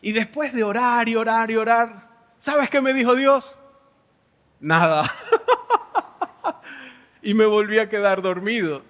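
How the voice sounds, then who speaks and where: Venezuelan pastor, high voice, reverberant hall. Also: male voice, a little slow, long pauses. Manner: storytelling, animated, laughs between lines. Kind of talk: sermon with personal stories. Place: church hall. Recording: long church hall reverb.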